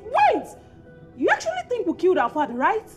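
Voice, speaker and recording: An actress playing a bitter, defiant grown daughter accused of murder, confrontational and mocking. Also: female voice, very high voice, huge pitch swings, a little fast, heavily acted. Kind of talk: film drama acting. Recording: film audio with music underneath.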